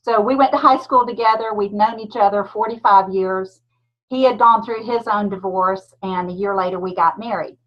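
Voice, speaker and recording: A woman's voice: medium pitch, normal speed. A woman in her fifties with a thick Southern Georgia accent, telling her story as a guest speaker on a video call. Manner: warm storytelling with a thick drawl. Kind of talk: casual talk on a video call. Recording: dull lo-fi call audio.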